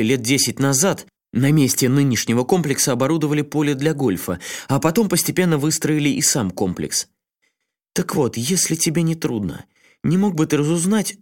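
A man's voice: on the high side, lively intonation, a little fast, voice pushed up, natural voice. A man voicing a frantic male journalist who pleads with a friend in a raised, agitated voice. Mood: urgent.

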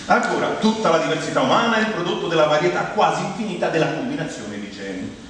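Speaking with a Roman accent, this man from Rome delivers a comic stage monologue, chatty and colloquial and full of asides, with plucked guitar playing behind him. His fairly high voice is animated and quick, and the recording is noisy, made from a distance in a very echoey hall.

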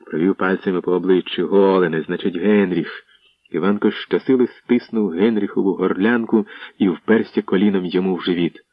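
Low-voiced male radio storyteller. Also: brisk, no room sound, highs cut off. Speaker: narrator. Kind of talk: scripted narration.

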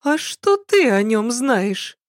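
A woman voicing a scheming young maidservant in an audiobook, with a nasal voice and sharp, quarrelsome retorts. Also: on the high side, big pitch swings, takes it slowly, no room sound, studio quality, pitched above the performer's own voice. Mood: evasive.

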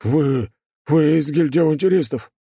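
A man's voice: a little high, moderate pace, warm tone, husky, no room sound, clean studio sound, pitched above the performer's own voice. A man narrating an audiobook, voicing a burly bearded tavern man who weeps with overjoyed relief and pleads in emotional outbursts. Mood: tearful, overjoyed. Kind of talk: audiobook character voice.

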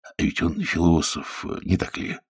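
Scheming stout husband read by a man, deep, husky, hushed and secretive, audiobook. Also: big pitch swings, measured pace, exaggerated voice. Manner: hushed, conspiratorial, often half-whispered.

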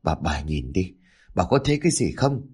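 A man's voice: fairly low pitch, big pitch swings, fairly quick. A man playing an uneasy older husband. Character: older village husband, uneasy, shaken, stubborn.

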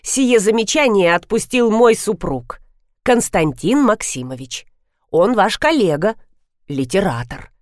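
A woman's voice: mid-range voice, very animated, unhurried, dry recording, clean studio sound. A woman reading an audiobook, voicing a fussy, gushing elderly lady who heads her family. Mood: fussing. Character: elderly lady, soft-hearted matriarch, fussy. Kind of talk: audiobook character voice.

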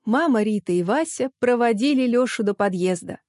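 A woman with a fairly high voice narrates a children's storybook in a calm, even way. The recording is dry and close, with no room sound. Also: normal speed, no room sound.

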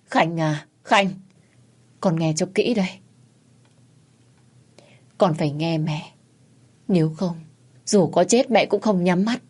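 A woman's voice: slow pace, pauses often, darkish tone, husky. A woman voicing a desperate middle-aged wife and mother who pleads and cries out. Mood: dying, pleading. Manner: pleading, shrill, frantic.

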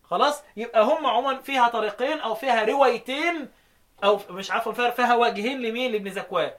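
A man with an Egyptian Arabic accent teaching a lesson on recitation readings, asking questions and answering them himself, chanting verses slowly. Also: very high voice, a bit bright.

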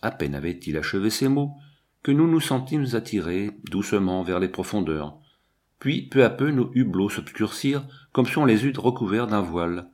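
A man reading an adventure novel aloud as an audiobook narrator, in an expressive, dramatic way. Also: fairly low pitch, moderate pace.

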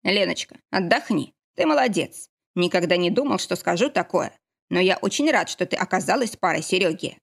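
An anxious young husband from a storybook, pressing with worried questions about his wife, as a woman narrator reads him. The voice sits low and swings widely in pitch. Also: expressive, moderate pace, gravelly, few pauses. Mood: gentle.

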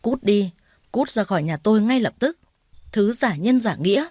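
A woman's voice: mid-range voice, lively intonation, normal speed, dry recording, clean studio sound, close to an everyday voice. A woman doing a harsh, scolding older woman. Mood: scornful. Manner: scolding, contemptuous, shouting orders.

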